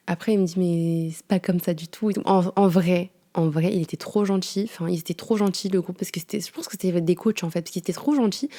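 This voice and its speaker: Young woman, podcast host, casual slangy storyteller, low-ish mellow tone, home mic. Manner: chatty slangy storytelling, many fillers. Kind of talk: casual chat. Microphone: home podcast microphone.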